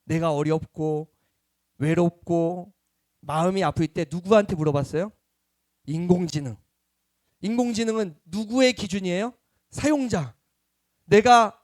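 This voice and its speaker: A middle-aged man, a pastor preaching a Sunday sermon, lively and questioning the congregation. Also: sits high, dry recording, clean studio sound.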